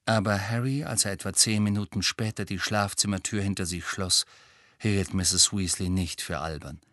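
A man's voice: deep voice, no echo, clean studio sound. A man narrating a storybook. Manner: measured, expressive storytelling. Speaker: audiobook narrator. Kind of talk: scripted audiobook narration.

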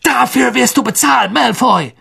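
A man's voice: medium pitch, huge pitch swings, moderate pace, a little mellow, husky. A man voicing a blunt, hot-headed schoolboy. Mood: furious.

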